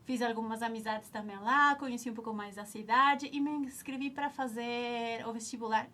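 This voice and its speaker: Bright and forceful yet fairly even in intonation, a woman's slightly high voice moves at a moderate pace over faint background noise. She's an Ecuadorian nutritionist in her forties and native Spanish speaker, recalling her past as an alumna guest and often starting over while finding her words.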